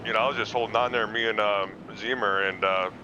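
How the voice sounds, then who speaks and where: Halting racing driver on a noisy CB-style radio. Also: male voice, fairly low pitch, steady tone, dull audio. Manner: halting, many uh and um fillers. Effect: driver radio call like a trucker CB.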